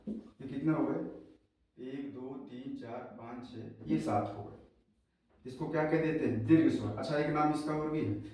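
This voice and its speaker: A man's voice: mid-range voice, a little slow, darkish tone. A man teaching a Hindi exam-prep class. He repeats each phrase and tells the students to write it down, speaking in an echoey classroom with a board. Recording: echoey room, voice from a distance.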